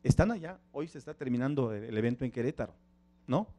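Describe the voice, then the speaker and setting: A man's voice: medium pitch, animated, fast talker, mellow. A middle-aged man whose first language is Tzeltal, giving a conference talk and drawing the audience in with questions. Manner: engaging, asks the audience questions. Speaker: panel speaker. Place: conference hall.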